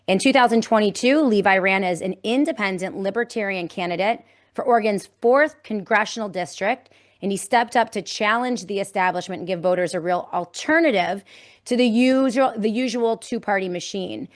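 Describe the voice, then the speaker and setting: A woman's voice: medium pitch, normal speed. A woman hosting a political talk show, speaking in an emphatic, campaigning way. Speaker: host.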